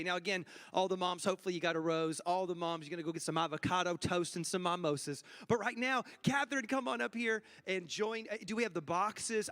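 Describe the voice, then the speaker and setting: High-voiced pastor running a church raffle. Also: male voice, a bit bright. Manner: playful, joking with the congregation. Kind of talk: church service announcements and raffle. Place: church stage with a congregation.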